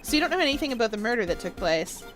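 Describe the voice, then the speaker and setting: A woman's voice: on the high side, sing-song, racing, a bit bright, soft background music, pitched below the performer's own voice. A woman voicing a dry, exasperated male defense attorney while reading out a video game. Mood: questioning. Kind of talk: video game voice-over read-aloud.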